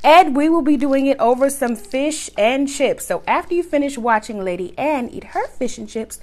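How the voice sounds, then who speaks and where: Friendly Southern woman with a slightly high voice. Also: expressive. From Atlanta, USA. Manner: friendly, Southern slang, drawn-out words. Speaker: guest YouTuber. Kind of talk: casual greeting to viewers.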